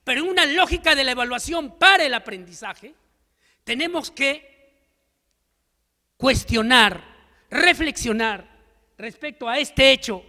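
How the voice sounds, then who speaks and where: A man's voice: very high voice, expressive, a little slow, pauses often, pushed and bright. A man giving an emphatic seminar lecture to teachers, full of rhetorical questions and stories. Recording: long hall reverb.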